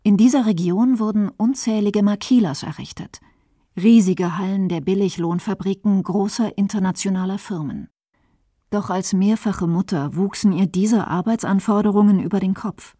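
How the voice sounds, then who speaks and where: Calm woman narrating a radio documentary. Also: mid-range voice, moderate pace, dry recording, studio quality.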